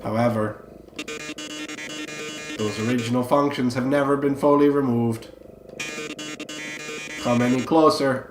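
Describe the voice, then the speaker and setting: A theatrical robot showman from a video game, acted out by a man, menacing and grandiose. He draws out his lines with dramatic pauses. The sound is echoey, with music playing behind. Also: medium pitch, close to an everyday voice. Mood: ominous. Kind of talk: game dialogue read aloud.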